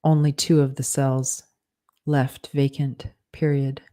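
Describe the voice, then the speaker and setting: A writer dictating a story aloud, saying each punctuation mark and correction in a measured, even way. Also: medium pitch. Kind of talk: dictating fiction aloud with spoken punctuation commands.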